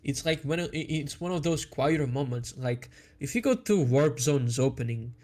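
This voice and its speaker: A man's voice: a little high, expressive, moderate pace, a little mellow, a little hiss or hum. A young man who is a guest on a casual chat, talking bluntly in slangy, opinionated bursts. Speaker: guest animator.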